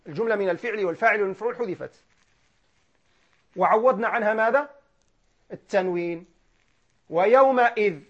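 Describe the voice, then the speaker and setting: A man teaches a grammar lesson, often posing a question and answering it himself. He repeats the key terms and chants verses slowly. The recording sounds dull and lo-fi. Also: high voice.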